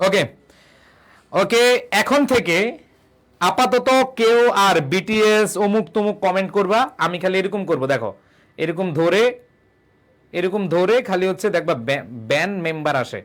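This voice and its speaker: A young man with a rather high voice runs a live-streamed grammar lesson. He keeps asking the class a question and answering it himself, and he reads out viewers' comments between points. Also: moderate pace, long pauses, fairly bright tone. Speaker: online English tutor.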